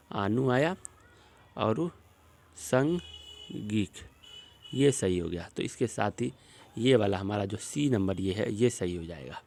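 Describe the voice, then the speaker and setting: A man teaching an exam-prep lesson, working through spelling questions shown on a screen and slowly repeating each word as he explains it. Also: lowish voice, vocal fry, a little mellow, a little hiss or hum.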